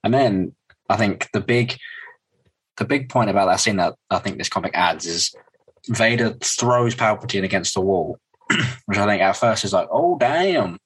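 A man's voice: lowish voice, moderate pace, fairly bright tone, breathy edge, low-quality recording. A man co-hosting a podcast, casually retelling comic scenes with filler words. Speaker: podcast co-host.

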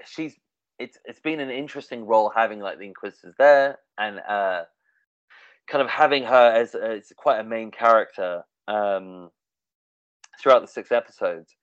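A man's voice: on the low side, normal speed, dry recording. A man talking casually in a discussion, hesitant, with many fillers and restarts. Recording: dull, dry, lo-fi sound.

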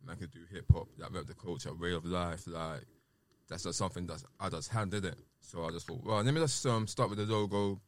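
A man's voice: sits low, brisk, dry recording. A man with a South London roadman accent, chatting casually and loosely in street slang as a podcast guest. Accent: South London, urban roadman. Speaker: podcast guest, rapper and producer.

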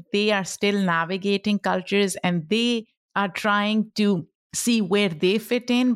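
A middle-aged woman with a Pakistani accent, whose first language is Pashto, reflects on her own life as a guest on a podcast. Her medium-pitched voice comes through with clean studio sound and no echo, in a reflective, personal interview style.

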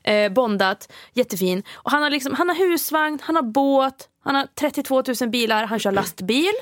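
A woman's voice: high voice, expressive, dry recording, clean studio sound. A woman co-hosting a casual podcast, animatedly retelling a mishap between bursts of laughter. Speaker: podcast co-host. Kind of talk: casual storytelling chat.

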